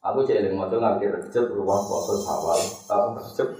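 A man's voice: on the low side, a little fast. An older man preaching a sermon in a storytelling way, reciting scripture verses and mixing in chatty asides, recorded in a reverberant room some distance from the mic. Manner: animated storytelling, mixing Javanese and Indonesian, reciting Quranic verses. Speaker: Islamic preacher. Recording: roomy echo, distant mic.

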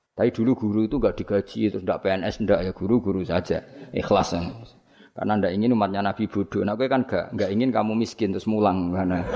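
A man's voice: lowish voice, vocal fry, darkish tone. A man with a Javanese accent giving a casual, joking religious sermon. He mixes in Javanese phrases and often laughs while he talks. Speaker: Islamic preacher.

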